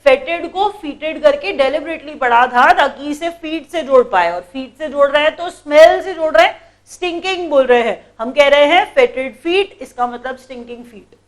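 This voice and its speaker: A woman with an Indian accent teaches English vocabulary in a lesson, with a high, light voice. She explains patiently, says each word more than once and keeps quizzing her students with questions. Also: lively intonation, normal speed. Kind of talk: classroom lesson.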